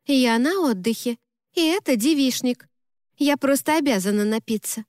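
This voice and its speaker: Woman reading a brash young party girl, high and bright, loud exclamations, audiobook, dry close sound. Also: lively intonation, moderate pace, dry recording. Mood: playful. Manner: exclaiming, brash, mock-scolding. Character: lively teasing young woman, bossy party friend. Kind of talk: audiobook character voicing.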